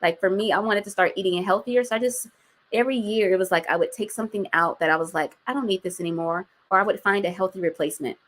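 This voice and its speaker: This guest, a woman in her 40s, has a medium-pitched, slightly bright voice and talks fast. Her casual interview chat is outspoken, sprinkled with slang and some cursing.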